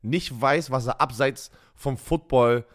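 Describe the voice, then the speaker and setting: Animated German man telling stories. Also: medium pitch, takes it slowly. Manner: animated storytelling, laughs a lot. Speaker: podcast co-host, former football player. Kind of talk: casual sports chat.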